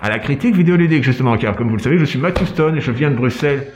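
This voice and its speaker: A man's voice: mid-range voice, expressive, rapid-fire, darkish tone, muffled recording, slight background noise, lightly acted. A man playing a pompous self-styled detective in a comic sketch, theatrical and playful. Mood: mock-grandiose. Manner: theatrical, playful, with silly sung noises. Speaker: comedic sketch character.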